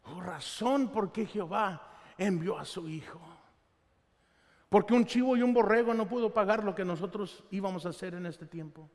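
A male pastor delivering a sermon during a live church service, telling Bible stories in an animated way and acting out what the characters say. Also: high voice, moderate pace. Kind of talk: Spanish-language sermon. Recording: long reverb of a church hall.

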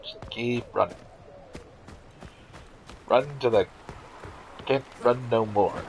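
A man's voice: medium pitch, takes it slowly, creaky, a little hiss or hum, rough recording. A man giving casual let's-play commentary as a gamer, joking and muttering asides with some swearing.

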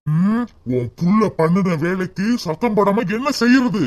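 A man voicing a stern, angry middle-aged father in a cartoon, scolding in a slow drawl with a southern Tamil accent. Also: high voice, very noisy. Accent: southern Tamil, Tirunelveli.

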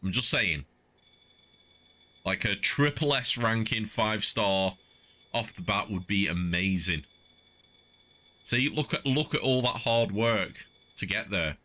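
A middle-aged man livestreams a video game with playful, mock-indignant commentary, wearing a headset in a small indoor streaming setup as game music and vehicle sounds play. His fairly low voice is bright and forceful with lively intonation, slow and marked by long pauses, and there's slight background noise.

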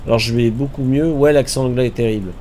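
A man's voice: mid-range voice, fast talker, slight background noise. A man with a slightly stuffy nose, chatting casually and thinking aloud as he streams a video game. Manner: relaxed, chatty, thinks aloud and repeats words. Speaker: streamer playing a survival game. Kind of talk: casual live-stream commentary.

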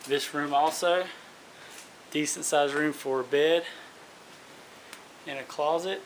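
Higher-voiced man inside a small trailer. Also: fairly even intonation, slow pace. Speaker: walk-through narrator. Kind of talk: casual walk-through commentary. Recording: noisy handheld recording with clicks.

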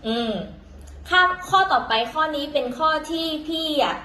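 A woman's voice: sits high, lively intonation, moderate pace, sharp tone, reverberant, slight background noise, poor audio. A woman teaching in a casual, chatty way, full of fillers and self-corrections, talking to viewers as younger siblings. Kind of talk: casual vlog-style lesson.

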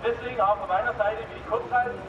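A man giving a public welcome speech as an official at an outdoor event, heard over a distant loudspeaker. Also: high-pitched, steady tone, quick pace. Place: outdoors on a riverbank. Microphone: loudspeaker picked up by a far camera. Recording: distant outdoor PA, dull, noisy, echoey.

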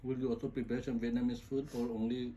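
A man chats at the dinner table in a relaxed, teasing way, questioning his wife between bites. His voice is mellow and dark. A faint household noise hangs behind him. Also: medium pitch, fast talker. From Manipur, India. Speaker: vlogger and husband. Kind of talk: casual chat over a meal. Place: home kitchen or dining table.

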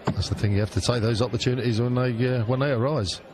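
Mid-pitched male co-commentator over crowd noise. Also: fairly even intonation, fast talker. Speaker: darts co-commentator. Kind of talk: live sports co-commentary, brief reactions. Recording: noisy venue with loud crowd. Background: crowd and venue noise.

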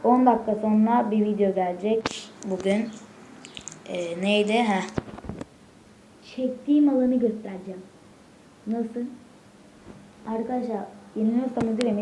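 Excitable woman doing gameplay commentary. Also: medium pitch, a little hiss or hum. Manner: excitable, chatty, swears, flares up in frustration. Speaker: gaming channel host. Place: home room, indoors.

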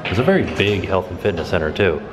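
A man's voice: deep voice, very animated, fast talker, music in the background. Casual man narrating a walking hotel tour. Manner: casual, upbeat pointing-out of sights. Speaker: vlog host. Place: hotel halls and outdoor pool areas. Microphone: handheld camera at arm's length.

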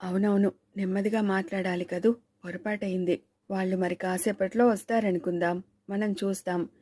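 Fearless easygoing village lad for an audiobook, blunt and relaxed, read by a woman, warm dry tone. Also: medium pitch, moderate pace, no echo, close to an everyday voice. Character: carefree sleepy young village man, fearless.

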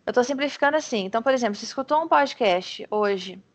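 A woman's voice: a little high, expressive, fast talker. A Brazilian Portuguese-speaking woman teaching English in an online lesson over a video call, chatty and encouraging, often restarting her sentences as she explains.

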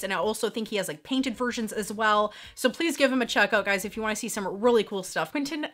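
A woman opening fan mail on her channel, chatting excitedly and gushing over each gift, with "like" in every sentence. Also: fairly high pitch. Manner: bubbly, gushing, says "like" often. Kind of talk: excited casual unboxing chat.

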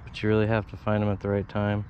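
Talking fast in a fairly low, monotone voice, a man fishes at a pond and chats to viewers, narrating each cast and every bite as it happens. He's a fishing vlogger recording on a head-mounted action camera, and the outdoor audio is dull and lo-fi with slight background noise.

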